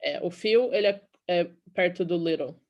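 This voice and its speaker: A woman's voice: on the low side, normal speed, muffled recording. A woman from Brazil teaching an English class in Portuguese, explaining patiently and often checking in with "okay?".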